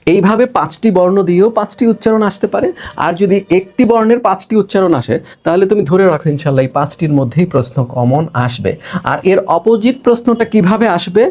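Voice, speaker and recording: A young man from Bangladesh leads an exam-prep lesson in a gravelly, slightly high voice. He talks students through each step and keeps checking that they follow. When he writes on the board he slows down and stretches out his words. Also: lively intonation, darkish tone. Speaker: teacher.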